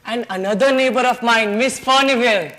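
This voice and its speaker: A nervous young sculptor, played by a man, who talks in a hurried, covering way. His voice sits very high and bright. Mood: flustered. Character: flustered young male sculptor hiding things. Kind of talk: amateur stage comedy acting.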